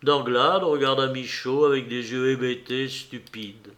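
Slow, calm French male novel reader. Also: medium pitch. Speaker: audiobook reader. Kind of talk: reading a novel aloud.

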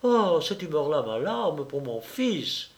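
A man's voice: on the high side, sing-song, slow. A man reading aloud, voicing a scheming aristocratic mother who speaks with false sweetness and irony. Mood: ironic. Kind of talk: audiobook character voice.

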